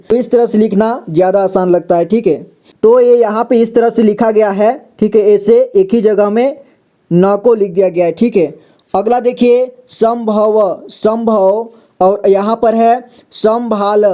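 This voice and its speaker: High mellow voiced guy teaching reading, says each word twice, slow and patient. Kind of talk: slow spelling-out reading lesson.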